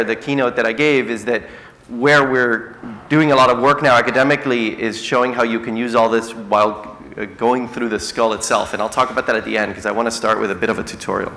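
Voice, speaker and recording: This science speaker, a middle-aged man with a loud, mid-range voice, keeps things casual and jokey while poking fun at himself. He's addressing a cafe crowd in an indoor event space that echoes.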